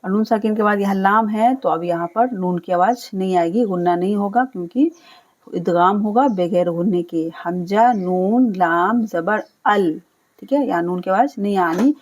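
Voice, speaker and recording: A woman teaching Quran recitation, spelling out letters and vowels, then chanting each word slowly and drawn out, with patient explanations. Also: medium pitch, darkish tone. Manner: explains rules patiently, often checks with a quick "okay". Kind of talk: step-by-step recitation lesson.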